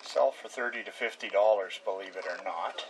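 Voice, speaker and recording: An older man rambling casually, with many pauses and restarts, into a webcam at close range in a small room at home. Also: on the low side. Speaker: hobby carver and channel host. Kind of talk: casual home video show-and-tell. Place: small room at home with shelves of model trucks. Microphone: webcam close to the face.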